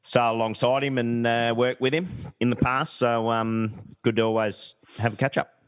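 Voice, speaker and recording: A man's voice: mid-range voice, level tone, moderate pace, clear, resonant tone. A man with an Australian accent co-hosting in casual chat, blokey, slangy and teasing. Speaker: podcast co-host.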